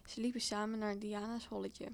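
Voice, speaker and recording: A young woman reads a homemade children's story aloud in a voice of middling pitch. She reads with lively expression and raises her voice in the quoted lines. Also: a little fast, gravelly.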